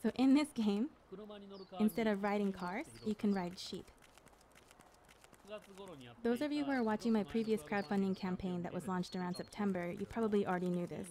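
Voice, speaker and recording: Female dub narrator, mid-pitched, casual developer-style commentary over gameplay. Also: normal speed, pauses often, dark tone. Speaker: English dub narrator speaking a game director's commentary. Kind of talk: casual walkthrough commentary on a video game.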